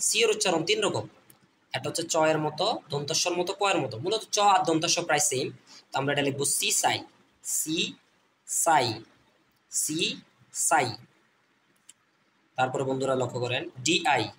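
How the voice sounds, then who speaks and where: A man with a slightly high voice gives a phonics lesson. He sounds out letters one by one and repeats them patiently, speaking to the viewers as friends. A faint hiss sits under his voice. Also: fast talker, a bit bright. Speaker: online teacher.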